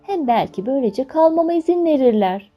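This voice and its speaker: A woman's voice: high-pitched, lively intonation, brisk, muffled recording, soft background music, pitched above the performer's own voice. A woman voicing a sweet, cheerful young princess in a storybook reading, raising her voice a little for the part.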